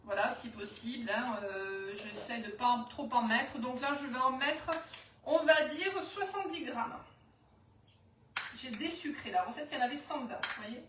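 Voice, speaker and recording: A woman's voice: a little high, normal speed, echoey room, recorded from a distance, background noise. Chatty woman with a southwest French accent. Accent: southwest French, Toulouse area. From southwest France. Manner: chatty, hesitant, many fillers. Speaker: cookware sales consultant. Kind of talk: live cooking demonstration.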